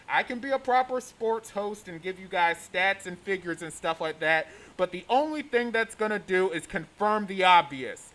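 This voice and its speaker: A man's voice: high-pitched, a bit bright. A man hosting a sports vlog, delivering an opinionated rant in an exasperated, emphatic way. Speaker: sports show host.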